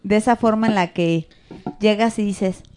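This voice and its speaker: A woman's voice: mid-range voice, normal speed, a little mellow, faint music behind. A woman co-hosting a casual chat, playful and teasing, drawing out her questions. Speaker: co-host.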